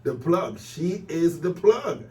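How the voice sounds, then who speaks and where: A man's voice: on the high side, very animated, takes it slowly, darkish tone, recorded from a distance. A man hosting a podcast interview, casual and colloquial, often affirming his guest. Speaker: podcast host.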